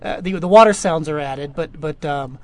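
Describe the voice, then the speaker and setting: A man's voice: fairly high pitch, normal speed. A man answering listener questions in a casual chat, rambling through long stories with lots of fillers and restarts. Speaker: audio drama producer. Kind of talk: casual podcast Q&A.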